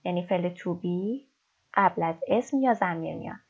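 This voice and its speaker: A woman teaching English in a recorded lesson, explaining step by step and reading example sentences slowly. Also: on the low side, a little mellow. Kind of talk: recorded online language lesson. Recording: dull lo-fi recording.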